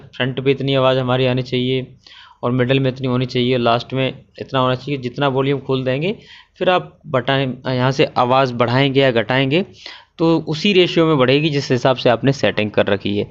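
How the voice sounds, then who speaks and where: A man presenting an electronics tutorial, walking through a circuit diagram step by step in a patient way with many filler pauses. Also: mid-range voice, steady tone, lo-fi sound.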